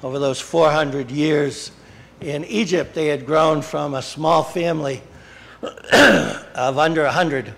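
A middle-aged man preaches from the pulpit of a small church at a slow, deliberate pace. His voice sits a touch high for a man, and he often stops to correct himself mid-sentence. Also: gravelly, fairly bright tone. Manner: slow, unhurried delivery with frequent self-corrections. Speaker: pastor. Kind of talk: sermon. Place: small church sanctuary, indoors.

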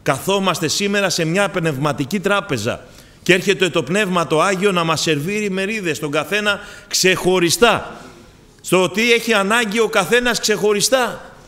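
A man's voice: sits high, bright, forceful tone. A man from Greece preaching a fervent sermon, often calling out to the congregation as brothers.

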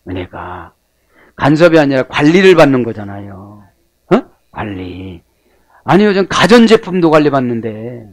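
Male pastor giving a sermon, goes loud then hushed, dry no-echo recording. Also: fairly high pitch. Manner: rhetorical questions, frequent prompting "eh?"; swings between emphatic and hushed.

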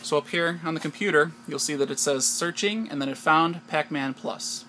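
With a slightly high voice, a sharp tone and a moderate pace, an American man from the United States guides viewers through an unscripted tech tutorial step by step. The explanatory narration was caught on a handheld camera in noisy, amateur-quality audio.

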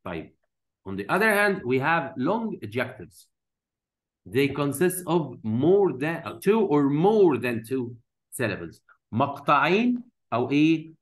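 A man with an Egyptian Arabic accent runs an English grammar lesson in a lively, singsong way, his pitch rising and falling widely. He slows right down to spell out English words, then hurries back into Arabic to explain them. He keeps prompting his students with quick questions so they fill in the missing word. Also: poor audio. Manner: stretches out English words slowly when modeling them. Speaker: English teacher.

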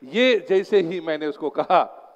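A man's voice: a little high, expressive, measured pace, muffled recording. A man giving a motivational seminar talk as an exam coach, telling stories and mixing English phrases into his Hindi. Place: lecture hall. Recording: long hall reverb.

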